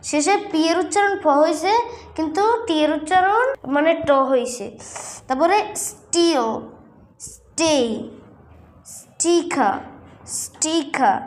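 Slow, high-voiced woman teaching pronunciation. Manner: drills each word twice, mixes Bangla and English. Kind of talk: classroom-style lesson, repeating words slowly.

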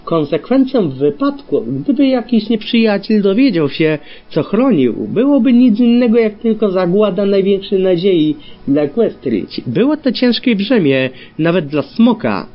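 A man reading a story aloud as an audiobook, telling it in an expressive way. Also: sits high, normal speed, few pauses. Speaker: audiobook reader. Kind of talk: scripted narration of fan fiction. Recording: dull lo-fi with faint music.

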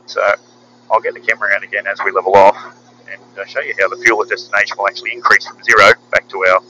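Pilot explaining cockpit systems. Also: male voice, fairly low pitch, steady tone, quick pace, bright, forceful tone, slight background noise, poor audio. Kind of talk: cockpit walkthrough narration. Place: small aircraft cockpit in flight.

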